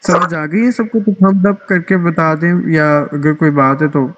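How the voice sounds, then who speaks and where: A man's voice: a little high, steady tone, dull audio. A man teaching an online class on Quran recitation rules, explaining patiently and checking in with his students often.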